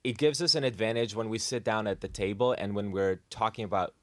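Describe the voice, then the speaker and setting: A man's voice: fairly low pitch, fairly even intonation, a little fast, dry recording. A young man from Croatia, a music group member, giving earnest answers and searching for words. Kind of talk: casual interview answers.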